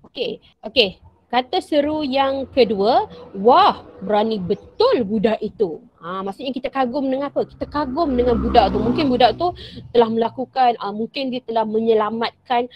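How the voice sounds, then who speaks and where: A woman's voice: on the high side, a little fast. A woman primary school teacher with a Malaysian Malay accent, giving an online lesson and acting out example sentences with patient repetition. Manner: patient, repeats example sentences with acted intonation. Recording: dry, dull lo-fi sound.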